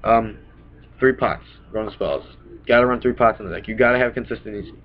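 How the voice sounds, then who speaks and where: A young man's voice sits on the low side and runs a little fast as he casually rambles through a card deck toward his desk webcam, often adding "bam." He's a card game vlogger getting over a cold in a small room, and the webcam audio is dull and lo-fi.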